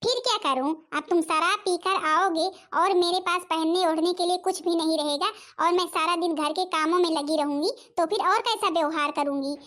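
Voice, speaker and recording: A woman voicing an angry, sharp-tongued young daughter-in-law in a cartoon, scolding and snapping. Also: extremely high pitch, moderate pace, hardly any pauses. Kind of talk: Hindi cartoon voice acting.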